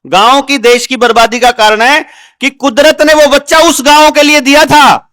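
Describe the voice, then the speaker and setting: A man's voice: very high voice, fairly even intonation, moderate pace, sharp tone, no echo, studio quality. A man hosting the session who sums up the lesson and drives it home with rhetorical questions. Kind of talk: explaining to an audience.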